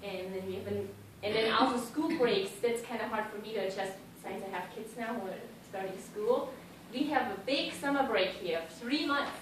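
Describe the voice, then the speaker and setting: Speaking at a normal speed with hardly any pauses, a woman from Germany shares her personal experience as a panelist, using plain, simple English and laying it out step by step. Her voice is medium-pitched; the large hall echoes, the mic is far off, and there is a little hiss or hum.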